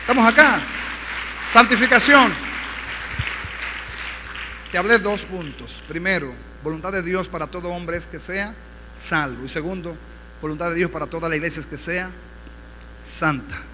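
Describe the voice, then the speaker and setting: A man's voice: on the high side, moderate pace, crowd noise. A man with a Dominican accent, a pastor preaching a fervent sermon with rising exhortations in a church. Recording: reverberant church hall, faint hum.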